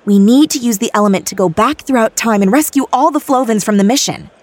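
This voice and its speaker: A man doing a high eager alien scientist woman. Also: quick pace, no echo, close to an everyday voice. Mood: excited. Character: clever female alien scientist, earnest.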